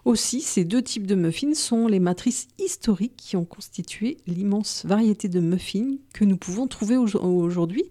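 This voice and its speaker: A woman reads prepared notes aloud as a co-host on a cooking show. Her voice is warm and mellow at a middle pitch, and she reads in a steady, measured way.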